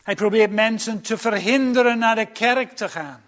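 A man's voice: sits high, normal speed, a bit bright. A male preacher giving a sermon in an earnest, emphatic and warning manner.

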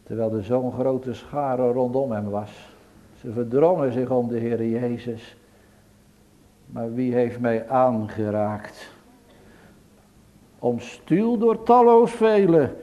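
A man preaching a sermon to his congregation in a church, solemn and pleading, swelling to loud emphatic peaks. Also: on the low side, muffled recording. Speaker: pastor.

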